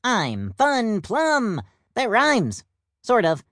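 A man's voice: high voice, wildly swooping pitch, extremely slow, fairly bright tone, no echo, pitched above the performer's own voice, exaggerated voice. Plum bursts in as a peppy purple peacock, all bounce and chirpy slang, his voice swooping far above the reader's own, as a man puts him on. He swings wildly up and down, speaking in a dry, close storybook recording. Cheerful and a bit boastful, he never sits still. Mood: chipper.

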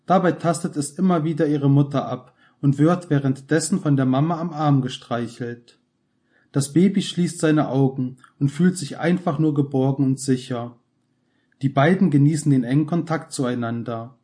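A man narrating a short story in a calm, measured reading. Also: on the high side. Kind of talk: scripted audiobook narration.

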